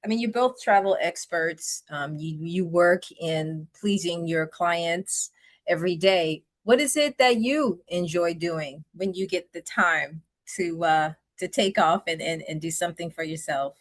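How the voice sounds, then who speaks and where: A woman's voice: on the low side, a little slow, no echo. Woman host asking questions, dry sound. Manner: friendly, asks questions with fillers. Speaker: interview host. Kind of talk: interview hosting.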